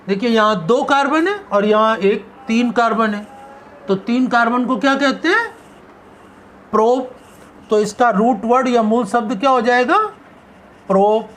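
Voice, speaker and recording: A male chemistry teacher giving a classroom lecture. He poses questions and answers them himself, stretching out the key terms. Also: extremely high pitch.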